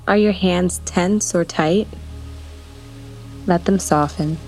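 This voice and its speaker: A woman leading a guided body-relaxation meditation, speaking in soft, soothing instructions with long pauses. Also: lowish voice, faint music behind.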